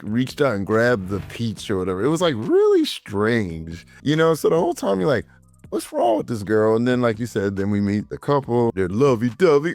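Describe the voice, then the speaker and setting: A man co-hosting a casual film discussion, retelling scenes with animated swings for quoted reactions. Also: medium pitch. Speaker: film review co-host.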